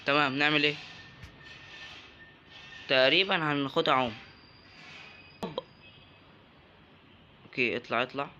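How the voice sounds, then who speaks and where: A gaming YouTuber, a young man with an Egyptian Arabic accent, narrates a let's-play in a bright, sharp, slightly high voice, chatting casually and joking with viewers. Enemy attacks set off excited yelps. He speaks at a moderate pace with frequent pauses, and the lo-fi recording carries a little hiss or hum.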